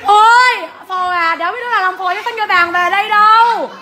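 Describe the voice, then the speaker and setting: A woman, a mother at a temple, arguing back loudly and protesting to bystanders. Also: extremely high pitch, quick pace. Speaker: worshipper, mother. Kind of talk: heated real-life argument. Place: large temple hall. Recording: echoey hall, faint crowd.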